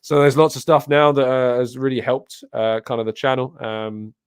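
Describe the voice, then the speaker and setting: Male British football show host, conversational and opinionated, mid pitch, close-miked in a very dry soundproofed room. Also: flat delivery, moderate pace, smooth, no room sound. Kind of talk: casual live chat, reading and answering viewer comments. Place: soundproofed home studio setup. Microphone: close studio microphone on an arm with pop filter.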